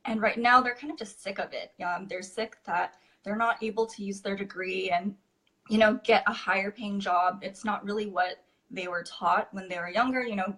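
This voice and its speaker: A woman's voice: medium pitch, fairly even intonation, normal speed, fairly bright tone. A woman in her twenties from California, a guest chatting easily in an interview, often saying "you know" and "like". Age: 20s. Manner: easygoing, frequent "you know" and "like". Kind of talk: casual interview chat.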